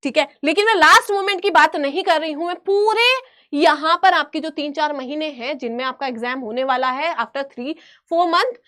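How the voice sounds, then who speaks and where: A woman's voice: sits high, fairly bright tone. A woman teaching an exam-prep chemistry lesson, emphatic and repetitive, calling her students beta. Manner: emphatic, repeats phrases, calls students beta.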